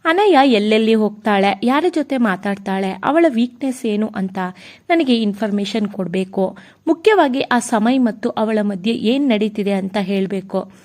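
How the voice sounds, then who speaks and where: A woman's voice: mid-range voice, lively intonation, normal speed, a little mellow, natural voice. A woman doing a sly scheming man. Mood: conspiratorial. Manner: sly, conspiratorial. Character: scheming plotting man, rich household schemer.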